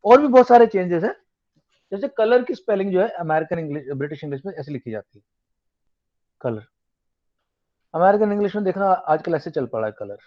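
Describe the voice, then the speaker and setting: A man's voice: high voice, a little mellow, dull audio. A man teaching a science class online, explaining in a mix of Hindi and English and asking his students questions. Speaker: tutor.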